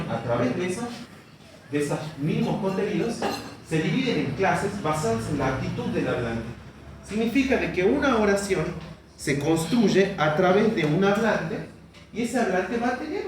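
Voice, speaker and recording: Male teacher, lively higher voice, patient lecture, captured from afar in a reverberant classroom with faint hiss. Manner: explains patiently, often checking in with students. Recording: echoey room from far off, faint noise.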